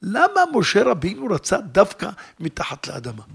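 A male preacher telling a scripture story with animated storytelling that swells into loud declaiming of verses. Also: high voice, creaky, breathy edge. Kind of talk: Hebrew sermon retelling scripture.

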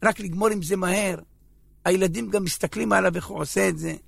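A man's voice: high voice, steady tone, gravelly, slightly rough, dry recording, studio quality. A man giving a humorous religious talk, acting out everyday scenes between men and women. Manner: joking storyteller acting out scenes. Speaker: religious speaker. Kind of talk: humorous sermon.

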